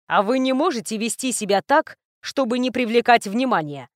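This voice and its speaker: A woman reading the lines of a cold, stern male bodyguard in a clipped, flat manner. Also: fairly high pitch, normal speed, no echo, studio quality, natural voice.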